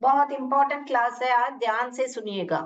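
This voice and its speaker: A woman with an Indian accent teaching English phonics in an online class, repeating sounds slowly and asking questions. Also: sits high. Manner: slow, repeats sounds and words, asks questions. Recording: muffled, distant from the mic.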